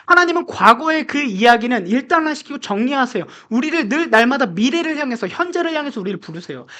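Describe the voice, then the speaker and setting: A man gives a casual sermon at a rapid clip. His pitch leaps up and down as he talks. He preaches in a chatty, animated way, packed with fillers. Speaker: pastor.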